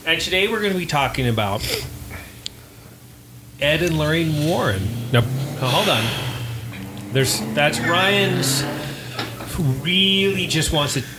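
A man's voice: a little high, lively intonation, slow pace, pauses often, background noise. A man hosting a casual group podcast, chatty and joking, often laughing as he explains things. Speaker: podcast host.

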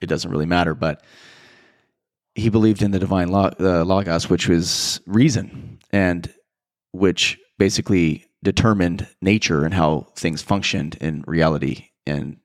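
A man's voice: low-pitched, fairly even intonation, measured pace, no room sound, clean studio sound. A man hosting a podcast, talking in a casual, reflective monologue that rambles thoughtfully, with frequent restarts and fillers. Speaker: podcast host.

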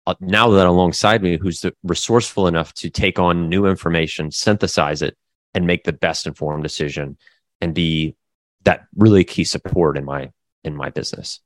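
A man from the American Midwest, talking casually as an interview guest, halting with many fillers and restarts. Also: low-pitched, steady tone, no room sound. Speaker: guest business owner.

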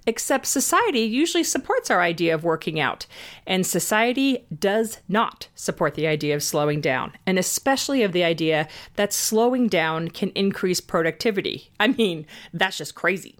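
A woman's voice: lowish voice, expressive, moderate pace. A woman host giving scripted self-help advice in an upbeat, orderly way, leaning on key words. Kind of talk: scripted advice narration, tips addressed to the listener.

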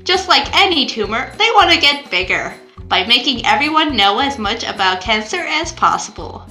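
Deadpan woman in an echoey room. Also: fairly high pitch, moderate pace, soft background music. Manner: deadpan dark humor. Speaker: podcast player. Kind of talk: mock charity announcement.

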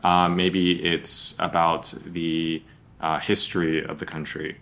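A young man hosts a podcast interview, posing long, rambling, conversational questions. His voice is low and fairly bright, with little pitch movement and a slow pace.

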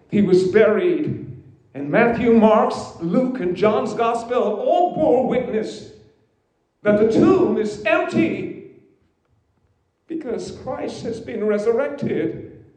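Guy preaching a sermon, slow with big pauses, kinda high but mellow voice. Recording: very echoey hall.

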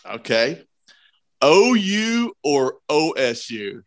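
A man's voice: on the high side, big pitch swings, drawn-out words, dry recording. Upbeat man hosting, dry sound. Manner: upbeat, playful quiz asker. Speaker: host. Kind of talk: casual talk show hosting.

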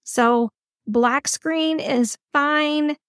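A woman's voice: high voice, very slow, no echo, clean studio sound. A woman podcast host who works as a school counselor, giving upbeat, encouraging advice in a chatty coaching tone. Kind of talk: casual coaching monologue.

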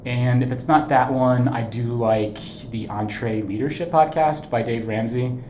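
A young man from Ohio hosting a casual podcast chat, easygoing and quick to laugh. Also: mid-range voice, darkish tone. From Ohio, USA. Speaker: podcast co-host, marketing agency owner. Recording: roomy, faint background noise.

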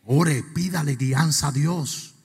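A male pastor preaching a sermon. He swings from quiet asides to shouted, sing-song preaching. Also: fairly high pitch, slow, breathy edge. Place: church sanctuary. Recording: long reverb of a church hall.

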